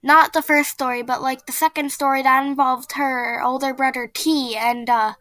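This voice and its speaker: A high, bright-voiced woman hosts a casual podcast and reads a spooky story aloud. She is chatty and excitable and keeps breaking into giggles. Her voice sounds dry and close. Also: normal speed, dry recording. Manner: giggly, often breaks into laughter. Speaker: podcast host.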